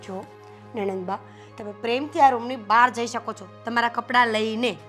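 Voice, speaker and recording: Lady doing a sassy young wife, high voice, snaps back sarcastic. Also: fairly even intonation, moderate pace, a bit bright, faint music behind, close to an everyday voice. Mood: defiant. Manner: sarcastic, refusing, tart. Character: defiant, sharp-tongued young wife.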